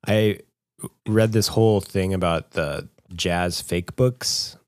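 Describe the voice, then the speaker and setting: A deep-voiced young man takes it slowly while co-hosting a podcast with no echo. The talk is casual and rambling, packed with fillers and restarts.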